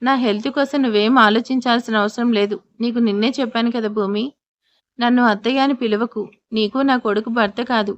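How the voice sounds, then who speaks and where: A woman's voice: on the high side, steady tone, brisk, muffled recording, lightly acted. A woman doing a cold, bitter mother-in-law. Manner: cold, reproachful.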